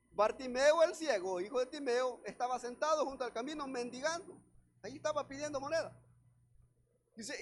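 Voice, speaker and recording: A man preaching a sermon as pastor at a church service, reading scripture aloud and speaking directly to the congregation. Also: very high voice. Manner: preaches directly to the congregation, often calling out "hermano"; reads scripture aloud and then explains it.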